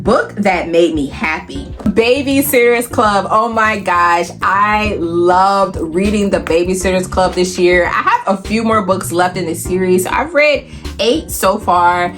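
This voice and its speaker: An American woman hosts a casual, chatty book vlog, reviewing books in a mid-range voice. She's animated, emphatic, and playful, calls herself auntie, and addresses viewers in a folksy, familiar way with "y'all," "honey," and "child."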